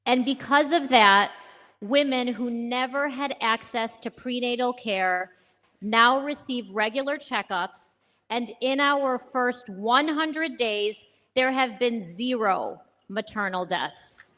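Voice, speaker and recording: A woman leading a charity, giving an earnest, measured welcome speech at a gala, thanking supporters and listing guests. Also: a little high, pushed and bright. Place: large gala ballroom. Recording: long hall reverb.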